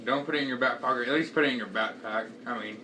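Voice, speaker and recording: A man's voice: mid-range voice, fast talker. A young man chatting casually as a co-reviewer. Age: young adult. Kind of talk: casual chat. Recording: distant microphone, faint background noise.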